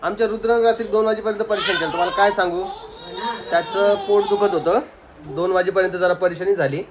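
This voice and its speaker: A woman's voice: medium pitch, steady tone, fast talker, noisy background. A young woman, chatting to viewers in a family vlog while coaxing and scolding children. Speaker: family vlogger. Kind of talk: casual family vlog talk.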